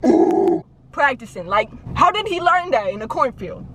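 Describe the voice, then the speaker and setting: A woman's voice: sits high, big pitch swings, moderate pace, pushed and bright, a little hiss or hum. A woman vlogger telling a storytime tale in a casual, profane, joking ramble.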